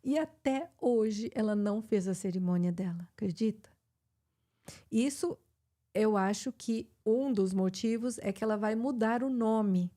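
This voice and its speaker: A woman's voice: medium pitch, unhurried, warm tone. A middle-aged woman with a Brazilian Portuguese accent, an English teacher hosting a live chat and explaining with many fillers and restarts.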